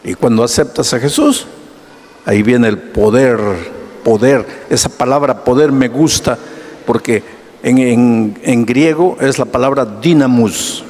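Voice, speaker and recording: A male pastor preaching a sermon, swinging between hushed low passages and raised ones, asking his listeners questions and answering them himself. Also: a little slow, big-room sound.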